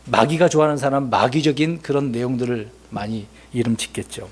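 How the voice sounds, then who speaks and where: A man's voice: medium pitch, brisk, breathy edge. A man pastor preaching a sermon, asking rhetorical questions and acting out people's excuses.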